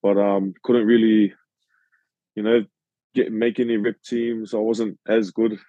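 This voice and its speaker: Low-ish and unhurried, with little pitch movement, the voice belongs to a young New Zealand rugby league player in his twenties, guesting on a laid-back podcast. He answers with modesty, hesitation and many fillers, and the audio is muffled with no echo.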